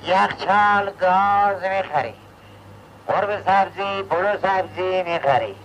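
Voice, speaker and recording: Brief: a film street vendor with a raised voice, hawking in long calls over a loudspeaker. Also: male voice, sits high, dull audio, slight background noise. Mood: calling out. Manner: drawn-out shouted calls. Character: street vendor man calling through a loudspeaker.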